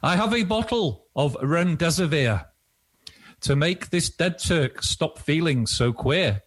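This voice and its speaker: Male actor as showy comic quack for mummers' play; animated, higher-set voice, boastful declamation. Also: slow, breathy edge, full character voice. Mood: boastful, cheerful.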